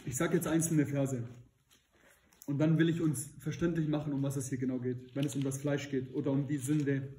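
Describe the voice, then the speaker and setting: A man's voice: mid-range voice, flat delivery, normal speed, dark tone, slight background noise. A man preaching at a Bible study, earnest and questioning his listeners, rising to emphatic peaks. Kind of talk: sermon. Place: church hall. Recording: echoey room.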